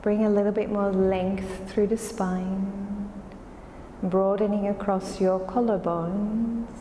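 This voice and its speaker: A woman yoga instructor guiding a class in a calm, soothing, unhurried way. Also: mid-range voice. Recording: roomy, reverberant space with faint noise.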